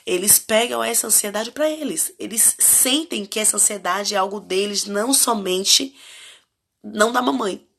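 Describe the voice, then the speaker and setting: Brazilian woman in her 30s, parenting host, casual and reflective, slightly gravelly mid-pitched voice. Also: normal speed, fairly bright tone. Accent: Brazilian Portuguese. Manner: reflective, asks the audience many direct questions. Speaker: parenting educator hosting a live stream. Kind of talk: casual live-stream talk to viewers.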